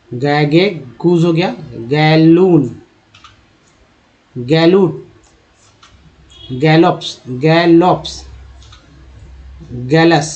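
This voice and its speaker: A man's voice: fairly high pitch, a little mellow. A man teaching English reading, sounding out words letter by letter and repeating each one. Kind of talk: slow spoken lesson spelling out word pronunciations. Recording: dull lo-fi recording.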